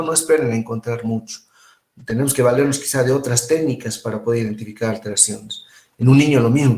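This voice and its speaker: A man giving an informal medical lecture, lively and rhetorical, often asking "right?" and mimicking voices. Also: mid-range voice, echoey room.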